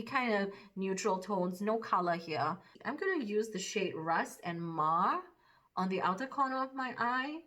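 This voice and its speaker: A woman's voice: mid-range voice, fairly bright tone. A woman chatting casually and a little hesitantly through a makeup tutorial, thinking aloud as she goes. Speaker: makeup vlogger.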